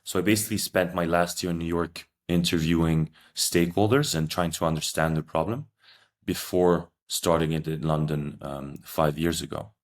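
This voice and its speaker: A young man from Switzerland, a startup founder, answering podcast interview questions in a measured, explanatory way. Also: low-pitched, steady tone. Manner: measured, explanatory, occasional fillers.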